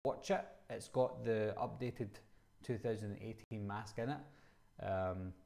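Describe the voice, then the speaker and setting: A man's voice: on the low side, takes it slowly, gravelly, mellow. A man in his thirties with a Glaswegian Scottish accent, casually hosting a live chat, reading out questions and answering them conversationally. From Scotland. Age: 30s. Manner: conversational, reads questions aloud then answers. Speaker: livestream host.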